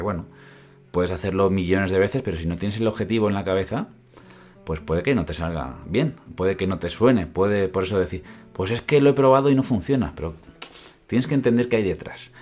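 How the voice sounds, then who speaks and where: Male guitar teacher, low voice, patient step-by-step podcast lesson, soft guitar behind. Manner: explains step by step, often asks "¿vale?". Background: guitar playing between phrases.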